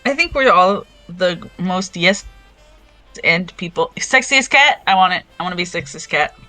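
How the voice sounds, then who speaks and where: A woman's voice: on the low side, animated, moderate pace, pushed and bright, no room sound, soft background music. A goofy, playful woman guest cracking jokes during improv games. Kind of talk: casual banter.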